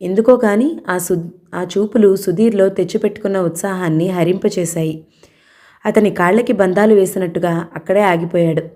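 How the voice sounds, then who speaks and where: A woman reading a novel aloud as audiobook narrator, in steady storytelling narration. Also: medium pitch, moderate pace.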